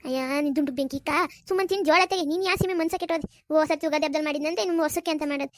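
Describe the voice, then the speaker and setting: Older village mother, nagging, squeaky, rapid. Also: fairly even intonation, no room sound, clean studio sound. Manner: fast, high, nagging. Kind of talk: cartoon voice acting.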